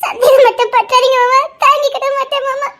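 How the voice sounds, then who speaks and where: A woman's voice: very high-pitched, flat delivery, brisk, a bit bright. A woman voicing a frightened young woman in an audio drama, pleading to be believed in a shaky, tearful voice, laughing through sobs. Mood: panicked. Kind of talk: Tamil serial-style audio drama.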